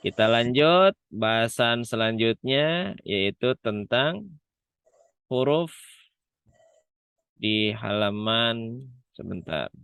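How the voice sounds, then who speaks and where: A man's voice: mid-range voice, fairly bright tone, clear, resonant tone, no echo. A man teaching Quran letter pronunciation in an online class, patiently demonstrating sounds again and again. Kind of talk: online Quran reading lesson.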